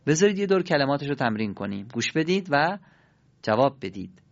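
A man leads a pronunciation lesson and explains each point briskly. He stretches out the letters and prayer phrases slowly so learners can echo him. His voice sits a little high, and the recording sounds muffled and lo-fi. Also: big pitch swings, vocal fry. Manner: switches between quick explanation and slow, drawn-out demonstration of sounds. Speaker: Quran recitation teacher. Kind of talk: pronunciation lesson with call-and-response drills. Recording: dull lo-fi recording.

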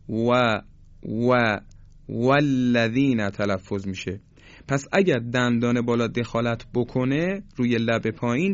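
A man teaching a recorded lesson on Quranic tajweed pronunciation. He speaks formally and politely and slows down to demonstrate letter sounds. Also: medium pitch, no room sound. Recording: dry, dull lo-fi sound.

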